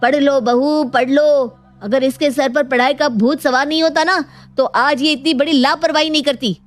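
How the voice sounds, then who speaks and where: A woman's voice: high voice, steady tone, normal speed, faint music behind, close to an everyday voice. Woman playing a short-tempered young husband. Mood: angry. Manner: irritable, complaining.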